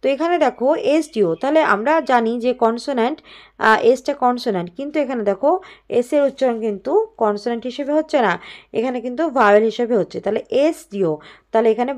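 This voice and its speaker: A woman teaches an exam-prep grammar lesson in a fairly high voice. She explains each answer step by step and reads the example sentences out slowly.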